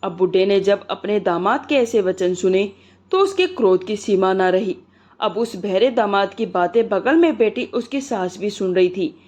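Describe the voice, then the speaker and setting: A woman's voice: medium pitch, expressive, moderate pace, a little mellow. Woman narrating a comic folk tale. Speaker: storyteller.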